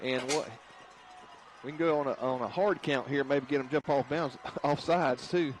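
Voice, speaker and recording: A man's voice: medium pitch, moderate pace, noisy background. A man with a Southern US accent giving chatty, folksy color commentary on a football game for radio. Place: press box at a football stadium.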